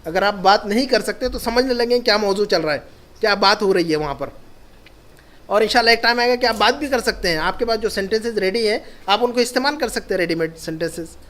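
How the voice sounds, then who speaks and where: A man with a high-pitched voice leads a classroom lesson, speaking as a teacher. He is encouraging and repeats key points over and over for his students. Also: fairly bright tone. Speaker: Arabic teacher.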